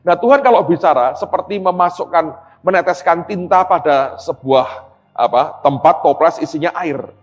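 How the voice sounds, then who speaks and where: A man's voice: fairly high pitch, moderate pace. A middle-aged man preaching a sermon, telling stories and acting out conversations while addressing the congregation directly. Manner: animated storytelling, acts out dialogue, addresses audience as "saudara". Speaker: pastor. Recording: dull sound in a reverberant hall.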